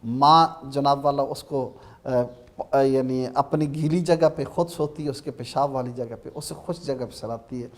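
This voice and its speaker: A man with a Pakistani Urdu accent, a religious scholar giving an emphatic, sermon-like talk on a Ramadan TV program, reciting verses slowly. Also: mid-range voice, steady tone.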